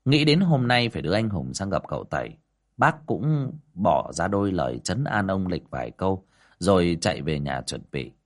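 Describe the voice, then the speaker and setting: A man narrates a ghost story in a husky voice. His pitch swings widely as he builds the tension. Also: moderate pace. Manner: expressive storytelling.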